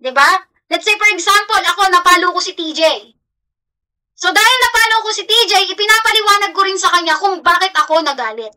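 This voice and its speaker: High bright Filipino woman lecturing. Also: a little fast, rough recording. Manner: mixes Tagalog and English, asks "di ba?" often. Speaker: teacher. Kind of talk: classroom lecture.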